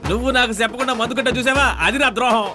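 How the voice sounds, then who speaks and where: An actor playing a loud, brash friend who mocks and jokes and wants to drink. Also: male voice, very high-pitched, flat delivery, rapid-fire. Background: film score music.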